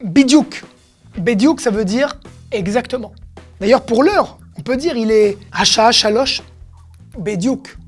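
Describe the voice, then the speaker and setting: A woman with a fairly high voice teaches vocabulary in a relaxed, chatty way. She explains each word patiently and acts out the phrases, with faint music playing behind her. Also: measured pace, pauses often. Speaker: Hebrew teacher. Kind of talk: casual vocabulary lesson.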